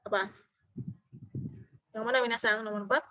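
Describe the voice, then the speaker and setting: High-voiced woman teaching a grammar class. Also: fairly even intonation, normal speed, pushed and bright, poor audio. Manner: asks students questions, mixes in Japanese example sentences.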